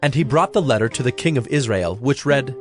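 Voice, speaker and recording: A man reads scripture aloud in a measured, steady narration, at an ordinary pitch. Soft music sits faintly beneath his voice. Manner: measured, even reading. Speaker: scripture reader.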